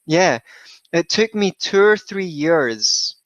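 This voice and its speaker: A man's voice: a little high, lively intonation, takes it slowly, fairly bright tone, dry recording, highs cut off. A man with a Scottish accent, a podcast guest telling his story in a wry, rambling way that keeps correcting itself. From Scotland. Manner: wry, digressive, self-correcting. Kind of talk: casual interview chat.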